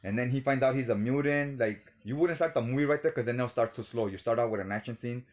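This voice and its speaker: A man talks into the camera for his own vlog, relaxed and rambling, a little tipsy from drinking. His voice sits at an ordinary male pitch. The talk is loose and conversational. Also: fast. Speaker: video host. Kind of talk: casual vlog commentary.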